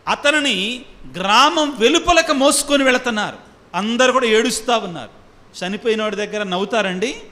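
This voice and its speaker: At normal speed, a priest whose voice is high, bright and ringing leads a call-and-response sermon, repeatedly questioning the congregation. English phrases slip in among his words, and a long hall reverb follows his voice.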